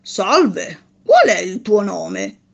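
A woman's voice: mid-range voice, wildly swooping pitch, drawn-out words, vocal fry, full character voice. A woman voicing a polite, kindly spider. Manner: polite, sympathetic.

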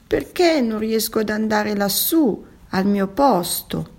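Woman voicing a soft, naive little starfish. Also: medium pitch, animated, slow pace, pitched above the performer's own voice. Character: innocent, gullible little starfish. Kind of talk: children's storybook reading.

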